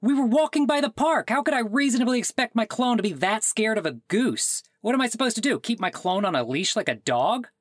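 A man's voice: a little high, sing-song, normal speed, fairly bright tone, no echo, studio quality. An actor playing an exasperated man whose clone died, sarcastic and indignant in a comedic audio drama.

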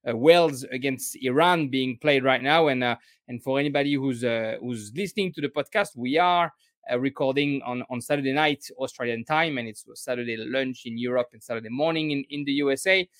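Halting French man hosting a podcast. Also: mid-range voice, no room sound, studio quality. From France. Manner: halting, many restarts and fillers. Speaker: podcast host. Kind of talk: casual podcast chat.

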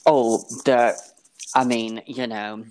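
A man's voice: mid-range voice, steady tone, slow pace, a little mellow. Sassy Scottish drag queen guest. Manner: sassy, playful, enthusiastic. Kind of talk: casual chat.

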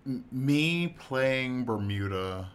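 A man's voice: mid-range voice, lively intonation, slow pace, a little hiss or hum. A man co-hosting a podcast about a card game, asking teasing questions in a playful, casual way. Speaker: podcast co-host. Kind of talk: casual chat.

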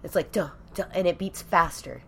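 A woman's voice: fairly low pitch, moderate pace, creaky, a bit bright, breathy edge. Blunt, foul-mouthed female podcast co-host. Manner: blunt, swears freely, says dude. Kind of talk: casual chat.

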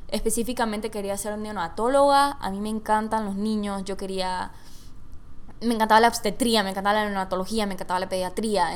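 Smooth-voiced young woman telling her story. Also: mid-range voice. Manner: chatty, loose and conversational, often says "o sea" and "como que". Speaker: podcast host. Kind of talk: casual personal storytelling.

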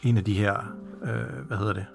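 A man's voice: on the low side, fairly even intonation, creaky, faint music behind. A man in casual podcast chat, recapping a TV episode and agreeing along with his co-host in short replies.

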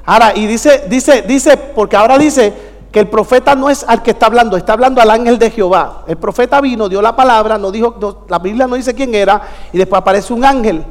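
Male pastor, very high voice, fervent sermon delivery, long hall reverb. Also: a little fast. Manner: fervent, calls out to the congregation.

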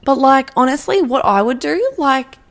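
A woman's voice: high voice, expressive, moderate pace. A woman, co-hosting a casual podcast chat and speaking bluntly. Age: 20s. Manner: blunt, swears freely. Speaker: podcast co-host.

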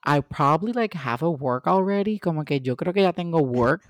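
A man's voice: a little high, animated, normal speed, no echo, clean studio sound. Puerto Rican man chatting in casual Spanglish. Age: 20s. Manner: Spanglish, constantly switching between Spanish and English. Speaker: podcast co-host. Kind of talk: casual chat.

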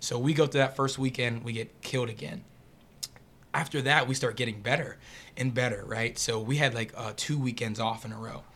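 A young man from the Pittsburgh area, a podcast guest, telling a story in an animated, casual way and acting out the voices of people he quotes. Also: mid-range voice, a little fast.

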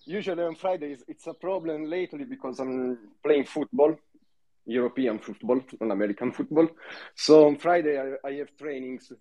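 A man's voice: a little high, mellow, low-quality recording. Laughing Italian-accented man. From Italy. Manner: laughs often, halting. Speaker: guest. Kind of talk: casual chat.

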